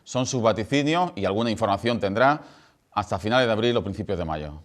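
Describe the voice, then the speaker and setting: A man's voice: on the low side, expressive, a little fast. A man with an Andalusian accent hosting a TV news interview, presenting in a formal way. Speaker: news show host.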